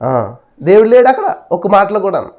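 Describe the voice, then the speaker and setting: A high-voiced male preacher giving a sermon, firing rhetorical questions at his listeners. He punctuates his points with hallelujahs. He swings between loud emphasis and sudden hushed asides. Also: sing-song, normal speed.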